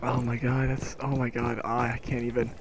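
A man's voice: medium pitch, monotone, normal speed, heavy background noise. A man chatting casually while he plays a game, laughing hard and swearing a lot into a headset mic. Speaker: gamer streaming his match. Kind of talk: casual gaming chat. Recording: game sounds loud behind the voice.

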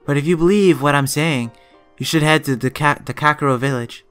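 A man reading as a calm, solemn young warrior. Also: fairly high pitch, a little fast, smooth, faint music behind, close to an everyday voice. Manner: slightly lighter, softened voice. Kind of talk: reading game dialogue aloud.

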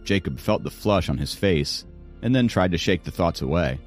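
Male audiobook narrator, very low voice, animated melodic reading. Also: normal speed, soft background music. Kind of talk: scripted narration.

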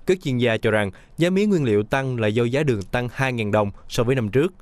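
A man reading scripted news voice-over in a brisk, even newsreader manner. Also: mid-range voice, no room sound. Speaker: news narrator.

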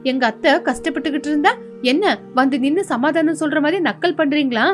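A woman voicing a young daughter-in-law in an animated story, soothing her in-law and firm with neighbours. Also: sits high, fast, faint music behind, lightly acted. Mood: defiant.

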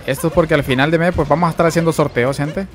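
A young man with a Mexican Spanish accent talks through a live game stream, his voice sitting a touch high. He chats easily, greets his viewers and breaks into excitable exclamations. Game music plays faintly behind him. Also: very fast. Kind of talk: live gameplay commentary.

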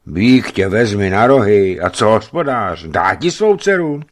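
A man voicing a coarse, grumbling fisherman foreman in a read-aloud story, with raised, louder delivery. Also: lowish voice, very animated, voice pushed up. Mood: coaxing. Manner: grumbling, swearing in folksy oaths. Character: gruff middle-aged male foreman, a coarse-mouthed fisherman.

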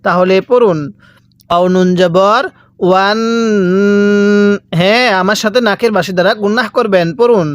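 A man teaching Quran reading to students, spelling out letters slowly and drawing out the vowels so they can repeat after him, with a Bangladeshi Bengali accent. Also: high-pitched, a bit bright, dry recording. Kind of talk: recitation lesson with call-and-repeat.

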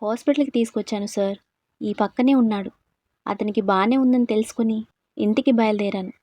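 A courteous, caring young woman in a spoken storybook, respectful and eager to help, as a woman narrator reads her lines. Her voice is mellow and close, with a dry sound. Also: fairly high pitch, brisk, no echo, lightly acted. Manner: polite, respectful.

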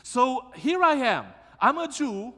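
Animated pastor preaching. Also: male voice, extremely high pitch, slow pace. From Romania. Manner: lively, asks the congregation questions. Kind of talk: sermon. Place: church sanctuary. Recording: long church reverb.

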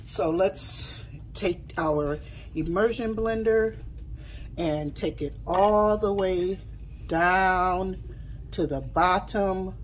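Slow, low-voiced woman showing a recipe. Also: a little hiss or hum. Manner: chatty, stops to tidy and explain mid-task. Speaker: home cooking channel host. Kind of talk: casual cooking demonstration. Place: home kitchen counter. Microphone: camera on the counter, speaker mostly off frame.

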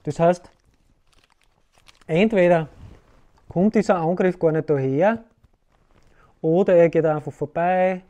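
Slow and warm, this man's high-sitting voice is broken by long pauses. As a self-help video host, he explains ideas to the viewer in a casual, rambling manner, often asking "ja?" to make sure the listener is with him.

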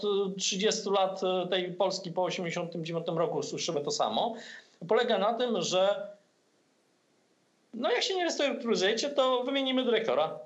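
Higher-voiced Polish man on a video call. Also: highs cut off. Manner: hesitant, many fillers and restarts. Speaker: political commentator guest. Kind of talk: video-call political discussion. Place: room at home. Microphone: laptop webcam on video call.

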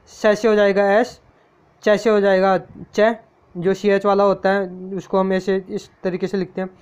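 A man teaches a lesson in a warm, mellow voice and explains each point step by step. He patiently repeats every example word slowly. The recording is dull and lo-fi. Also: sits high, flat delivery, clear, resonant tone.

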